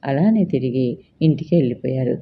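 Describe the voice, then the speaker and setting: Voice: mid-range voice, expressive, a little fast, muffled recording, a little hiss or hum. A storyteller narrating a love story and voicing all its characters in a plain reading.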